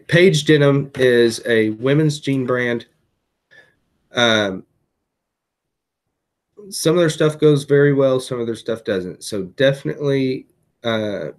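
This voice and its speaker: A tired man hosting a casual vlog, chatting through items he resold, with lots of fillers and restarts. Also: mid-range voice. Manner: chatty, many fillers and self-corrections. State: tired, hiccuping late at night. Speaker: eBay reseller vlogger.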